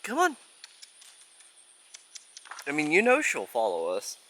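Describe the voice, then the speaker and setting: A man on a farm chatting casually and talking baby talk to his cat in a soft, doting way. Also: on the high side, wildly swooping pitch, takes it slowly, slight background noise, poor audio. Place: outdoors on a farm.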